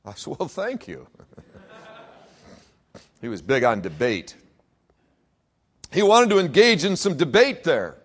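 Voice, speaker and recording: A man, a senior pastor, preaching a sermon with dramatic storytelling, dropping to a hush and rising to loud exclaims. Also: a little high, wildly swooping pitch, slow, long pauses.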